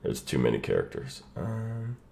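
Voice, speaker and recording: Hosting a live watch party, the man chats with viewers and greets them by name while setting up, sounding sick and congested from a sinus infection. His low, gravelly, warm voice moves at a moderate pace with huge pitch swings. The stream audio isn't muted, causing an echo.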